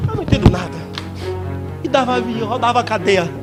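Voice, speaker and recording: High-voiced Brazilian man giving fervent testimony. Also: sing-song, brisk, over loud music. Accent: Brazilian Portuguese. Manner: fervent, preacherly, stretches words and shouts at peaks. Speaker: testimony speaker in church. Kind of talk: emotional church testimony. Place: church service.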